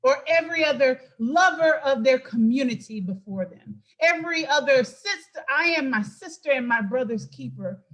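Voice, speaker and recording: A woman hosts an impassioned political talk in a high voice. She speaks emphatically and preaches, and she often breaks off into quick asides. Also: animated, a bit bright. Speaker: host and political commentator.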